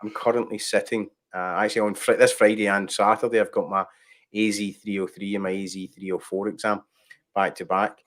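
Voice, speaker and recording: Man, host, low-ish voice, relaxed, lots of ums, casual stream chat. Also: fairly quick. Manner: easygoing, lots of filler sounds.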